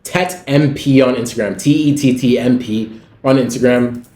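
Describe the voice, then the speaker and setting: A man's voice: medium pitch, normal speed, warm tone, roomy sound, slight background noise. A man telling a personal story to camera in a rambling, faith-filled way. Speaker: vlogger. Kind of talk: casual storytelling monologue.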